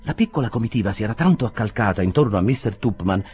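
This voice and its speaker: A man reading a classic novel aloud as an audiobook, with expressive storytelling. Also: lowish voice, fast talker, breathy edge. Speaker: audiobook reader. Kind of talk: audiobook narration.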